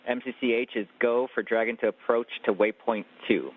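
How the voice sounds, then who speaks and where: A man's voice: mid-range voice, steady tone, a little fast. A man relays calls from mission control over a tinny space-to-ground radio loop. His voice is squeezed into a thin, phone-like band and sounds distant. He speaks in short, formal radio protocol. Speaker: mission control capsule communicator. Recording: narrow phone-like radio channel from afar.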